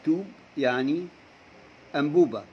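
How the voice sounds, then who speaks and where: A man with an Egyptian Arabic accent teaching English to young pupils, repeating words slowly for them to copy. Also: on the high side, slightly rough, muffled recording. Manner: slow drilling repetition, stretching words. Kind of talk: recorded classroom lesson for young pupils.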